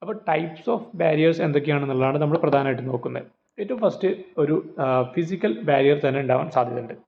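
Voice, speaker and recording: A man's voice: on the high side, fast, vocal fry. A man teaching an exam-prep lecture, explaining with rhetorical questions and everyday examples. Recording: phone-like narrow audio.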